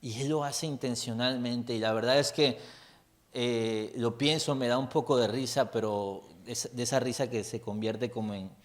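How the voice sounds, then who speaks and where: A man's voice: mid-range voice, fairly even intonation, moderate pace. A man with a Mexican accent, a pastor giving a casual, joking sermon full of stories and rhetorical questions. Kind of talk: conversational sermon.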